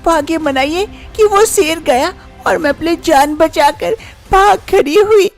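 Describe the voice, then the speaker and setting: A woman voicing a young village daughter-in-law in an animated storybook cartoon, anxious and chattering, often muttering to herself. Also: very high-pitched, unhurried, soft background music, pitched above the performer's own voice. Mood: relieved.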